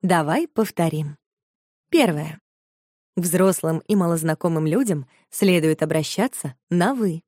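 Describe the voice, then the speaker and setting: A woman narrating a children's story, reading clearly and expressively. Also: fairly low pitch, dark tone, no room sound, studio quality.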